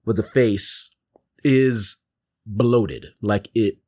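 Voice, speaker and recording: A man's voice: fairly low pitch, drawn-out words, darkish tone. A man narrating descriptively as game master of a tabletop game.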